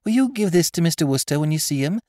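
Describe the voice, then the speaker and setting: A man voicing an excitable young schoolgirl who chatters eagerly. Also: fairly high pitch, quick pace, no echo, studio quality, voice pushed up, lightly acted. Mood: excited.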